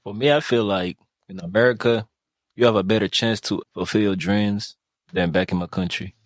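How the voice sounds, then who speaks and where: Teen boy from tanzania, lowish voice, laid back, dry sound. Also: normal speed, no room sound. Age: teens. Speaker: interviewee. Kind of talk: youth radio interview.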